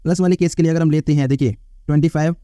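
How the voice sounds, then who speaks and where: A man's voice: on the high side, steady tone, very fast, mellow, clean tone, dry recording, clean studio sound. A young man teaching a math problem step by step in a chatty style, checking in with his listeners again and again. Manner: chatty, often says "thik hai bhaiya" and "dekhiye". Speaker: math tutor. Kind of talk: whiteboard lesson explanation.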